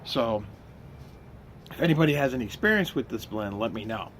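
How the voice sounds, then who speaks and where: A man in his fifties chatting casually and unhurriedly, with pauses, as he smokes a pipe that is often in his mouth. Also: medium pitch, animated, a bit bright. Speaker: pipe tobacco reviewer. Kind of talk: casual vlog chat. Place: outdoors by a house with trees. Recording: clear outdoor ambient noise.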